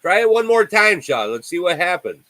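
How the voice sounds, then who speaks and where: A man's voice: sits high, very animated, moderate pace, bright, forceful tone, no echo, rough recording. A man in his sixties hosting a casual livestream chat from home on a video call, talking in a friendly, rambling way with many restarts. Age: 60s. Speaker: livestream host.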